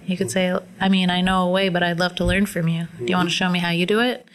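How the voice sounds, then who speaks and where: A woman's voice: on the low side, little pitch movement, fast. A woman in her forties from Alaska, hosting a casual podcast conversation with reflective questions. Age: 40s. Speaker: host.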